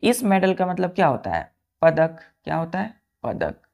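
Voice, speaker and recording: A woman's voice: lowish voice, huge pitch swings, moderate pace, creaky, a little mellow. A woman teaching English vocabulary in an exam-prep lesson, spelling words letter by letter, repeating each meaning patiently and quizzing her pupils.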